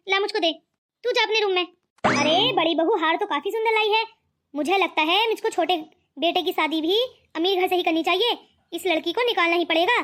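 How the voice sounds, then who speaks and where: This is a greedy mother-in-law in a cartoon who scolds her daughter-in-law, with a woman doing the voice. The voice sits very high and sounds bright and forceful. She talks in a sharp-tongued, nagging way. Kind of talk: cartoon voice acting.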